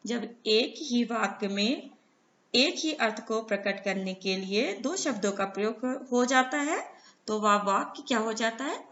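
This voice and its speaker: A woman's voice: a little high, fairly bright tone. A woman teaching a primary school class online, asking questions and patiently answering them herself. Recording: echoey room, dull lo-fi sound.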